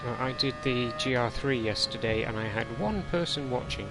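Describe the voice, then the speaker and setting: A man's voice: mid-range voice, moderate pace. A man giving casual commentary on his own online racing game stream, chatty and self-deprecating, muttering to himself as he drives. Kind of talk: live gameplay commentary. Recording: noisy game audio behind voice.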